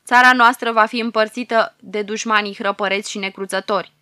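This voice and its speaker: A woman voicing an old male prophet who loudly laments and foretells doom in a storybook reading. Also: mid-range voice, fairly even intonation, clean tone, dry recording, studio quality, lightly acted. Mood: lamenting doom. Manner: loud, lamenting, solemn.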